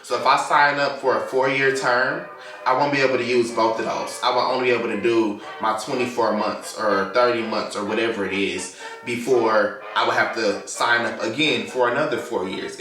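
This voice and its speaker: An echoey, slightly distant recording of a man with a mid-pitched voice, music playing clearly behind him. He talks casually and candidly, explaining things informally like a storytime vlogger. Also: sharp tone. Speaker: storytelling vlogger, former Air Force member. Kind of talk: casual direct-to-camera storytime talk. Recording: roomy echo, distant mic, music behind. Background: clear background music.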